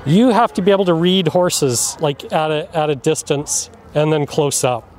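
A man's voice: fairly high pitch, normal speed, darkish tone, a little hiss or hum. A man talking in an interview as a racetrack outrider, explaining his job. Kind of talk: interview talk.

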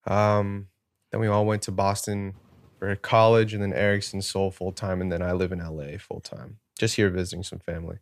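A young man co-hosting a podcast, talking in a relaxed, easygoing way. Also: deep voice, normal speed, no room sound, clean studio sound. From Georgia, USA. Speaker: podcast co-host. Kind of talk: casual podcast chat.

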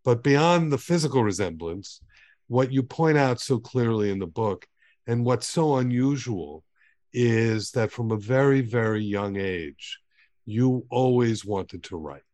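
A man's voice: mid-range voice, lively intonation, measured pace, a little mellow, dry recording. A man hosting a podcast interview, eagerly framing questions and summing up the guest's book. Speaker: podcast host.

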